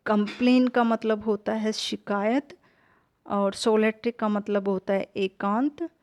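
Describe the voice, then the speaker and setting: A woman, teaching a poem and explaining its meaning line by line, with frequent pauses and fillers. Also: medium pitch, steady tone, a little mellow. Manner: slow, hesitant explaining with fillers, mixing English terms into Hindi. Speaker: English literature teacher.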